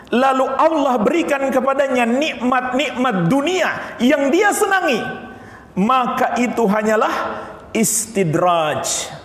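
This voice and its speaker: High-voiced preacher in an echoing mosque. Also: male voice. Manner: impassioned, rising to emphatic calls. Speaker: Friday preacher. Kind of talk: sermon. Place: mosque pulpit, indoors. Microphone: stand mics at the pulpit. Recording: echoey mosque hall with long reverb.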